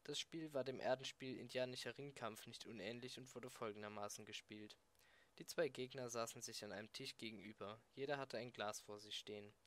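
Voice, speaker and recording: A man narrating an amateur audiobook in a plain, even storytelling read. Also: mid-range voice, a little fast. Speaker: audiobook reader.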